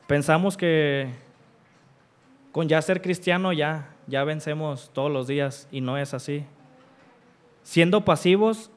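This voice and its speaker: A man delivering a sermon, his voice pitched a little high and smooth, with a clean, resonant tone. He drives home each repeated refrain with rising force. When he reads scripture, he slows into deliberate, measured pauses. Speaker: preacher.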